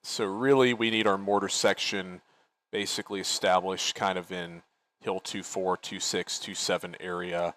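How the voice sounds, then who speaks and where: A man's voice: low-pitched, level tone, normal speed, a bit bright. A man leading an online military game as commander, giving tactical briefings and talking through plans casually on a headset.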